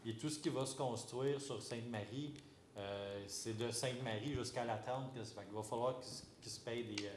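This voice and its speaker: A man's voice: medium pitch, moderate pace. A man with a Québécois accent, the mayor chairing a council meeting, explaining in a conversational way with many fillers. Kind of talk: explaining and answering at a public meeting. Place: council chamber. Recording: echoey chamber with faint background noise.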